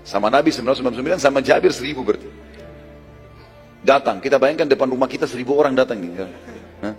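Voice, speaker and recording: A man's voice: medium pitch, racing, big-room sound, faint music behind. A man preaching in a conversational storytelling lecture who stops to explain Arabic words.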